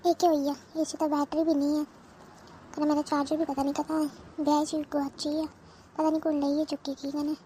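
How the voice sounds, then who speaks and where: A woman's voice: high voice, little pitch movement, fairly quick, mellow, a little hiss or hum, lightly acted. A woman voicing a worried older mother-in-law, rambling and pleading. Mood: fretting. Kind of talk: cartoon voice acting.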